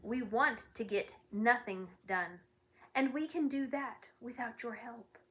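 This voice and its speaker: A woman's voice: a little high, slow pace, fairly bright tone, slight background noise. A woman voicing lazy, sleepy little storybook creatures who boast about doing nothing, drowsy and dawdling. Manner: drowsy, dawdling, then panicky.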